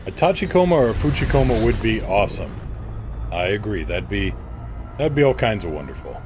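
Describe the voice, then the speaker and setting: A low-pitched man chats playfully with his viewers while he plays a game, his voice swinging up and down as he jokes. Quiet game music runs underneath his talk. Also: big pitch swings, fairly quick. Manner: joking, playful, reads viewer names aloud. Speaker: game streamer chatting with viewers. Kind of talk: casual live-stream chat.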